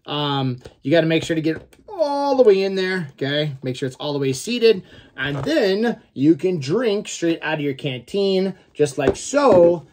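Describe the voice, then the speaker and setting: Higher-pitched man reviewing gear casually. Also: very animated, measured pace, a little mellow, slight background noise. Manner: informal, mildly profane, frequent "okay?" check-ins. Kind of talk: casual product review to camera. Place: small room at home, indoors.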